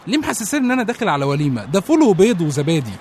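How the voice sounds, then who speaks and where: A man's voice: high-pitched, very animated, very fast, darkish tone, a little hiss or hum. An Egyptian-accented man in comic sketch dialogue, complaining with exaggerated indignation and frequent laughs.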